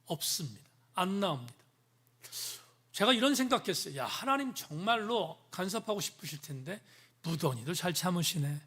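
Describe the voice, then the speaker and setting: Bright high-voiced male pastor preaching. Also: sing-song, moderate pace, slightly rough. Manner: rhetorical questions to the congregation, direct address. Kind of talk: sermon. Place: church.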